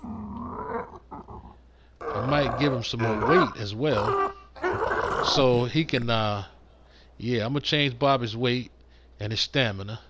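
A man's voice: mid-range voice, sing-song, slow pace, pauses often, very noisy. An older man hosting a gaming channel, giving casual, slangy commentary as he plays and talking to his viewers like family. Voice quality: slangy and laid-back, calls viewers fam.

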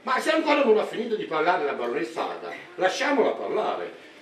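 Man acting high-pitched flustered gentleman. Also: wildly swooping pitch, fairly quick, a crowd in the background. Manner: stammering, repetitive. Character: flustered, officious gentleman commendatore, deferential and fussy. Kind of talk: live amateur stage comedy acting. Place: theatre stage before an audience. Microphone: far camera. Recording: roomy theatre, distant mic, audience noise.

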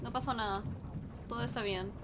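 A woman's voice: on the high side, fairly even intonation, a little fast, background noise. A woman doing casual, playful live commentary as a horror game streamer, talking to chat and to the game, exclaiming when startled.

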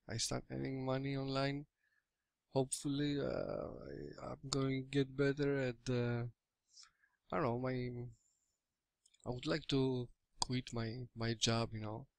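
Recorded dry on a webcam or laptop mic in a small room, a Greek man in his thirties walks through a product on screen as an affiliate marketer. His voice is medium-pitched and fairly bright, with vocal fry. His Greek-accented English, a second language, is casual but hesitant, broken up by fillers and restarts.

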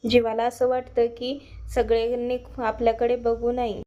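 A woman's voice: a little high, monotone, normal speed, dark tone. A woman casually recapping a TV serial episode, talking straight to her viewers. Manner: chatty, addresses the audience directly.

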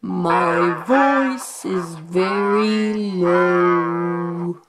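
A woman's voice: on the low side, drawn-out words, noisy background. Woman through a toy megaphone. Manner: playful, testing her voice. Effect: through a toy voice-changing megaphone. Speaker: toy reviewer. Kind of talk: casual toy demo.

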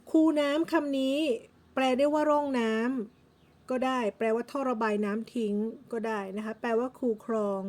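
A woman's voice: a little high, normal speed, a little mellow. A Thai-accented woman teaching English vocabulary, patiently explaining words and repeating each English term several times. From Thailand. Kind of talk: slow vocabulary lesson.

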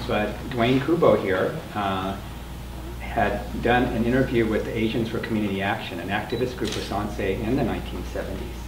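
Speaking informally to a small audience in a meeting room, an older man with a fairly low voice introduces an oral history panel as its interviewer and moderator, explaining things conversationally. The recording comes from a distant mic, sounding roomy with clear background noise.

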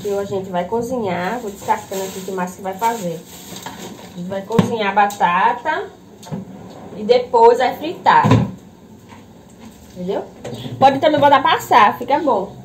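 A young woman from Brazil chats to her viewers in a relaxed vlog, talking straight to a handheld phone. Her voice sits mid-range, and clear background noise runs under the recording. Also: mid-range voice, normal speed, long pauses. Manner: chatty, addresses viewers as "minha gente". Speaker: vlogger. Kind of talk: casual vlog chat. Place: street then a small home kitchen. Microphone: handheld phone camera.

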